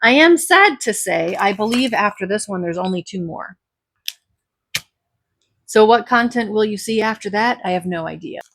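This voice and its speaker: A woman reselling thrifted clothes, chatting casually and rambling through a haul video, her voice a bit raspy from talking all day. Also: medium pitch, expressive, moderate pace, fairly bright tone, a little hiss or hum. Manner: chatty, rambling, self-correcting. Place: at home beside a pile of clothes.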